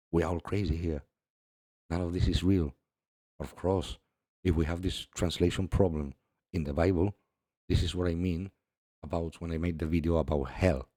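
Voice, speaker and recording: Deep, dark-voiced man discussing scripture. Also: no room sound, studio quality. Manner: reads scripture aloud, laughs often, repeats "see". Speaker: religious video host. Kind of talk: casual religious commentary.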